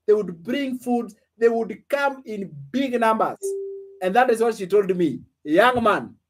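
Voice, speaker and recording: The voice is high-pitched with a darkish tone. A man in his late twenties, working as an online business coach, gives a motivational lesson full of questions to the listener and repeated phrases.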